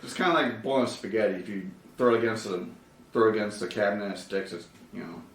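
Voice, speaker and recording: A man's voice: on the low side, quick pace. A man, an actor, chatting as a podcast guest in a laid-back, rambling way, laughing often. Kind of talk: casual interview chat. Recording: roomy, distant mic with faint hiss.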